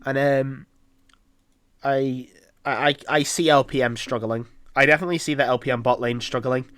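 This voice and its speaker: A man's mid-range voice, a bit bright and smooth, stays steady at a normal speed. He's an esports caster commentating a live match by himself on his streaming mic, talking in a loose, chatty way full of fillers.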